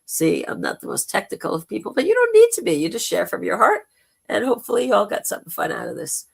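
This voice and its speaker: Spiritual livestream host: very gravelly, hoarse voice, informal and gently encouraging delivery. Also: mid-range voice, lively intonation, fast. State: temporarily hoarse.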